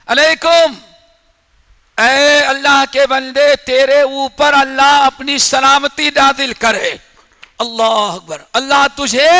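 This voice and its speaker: A man preaching a sermon in a mosque, telling stories dramatically and swinging between whispers and shouts. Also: very high-pitched. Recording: echoey hall reverb.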